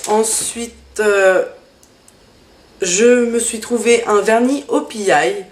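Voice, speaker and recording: A woman's voice: a little high, takes it slowly, reverberant, slight background noise. A woman vlogger chatting casually through a makeup haul, hesitant, with many fillers. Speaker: beauty vlogger.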